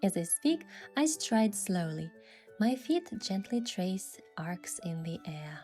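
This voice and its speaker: Music plays under a woman's mellow, medium-pitched voice, which is very animated yet takes its time. Narrating a game event story as its lead character, she gives scripted first-person narration and acts out the dialogue.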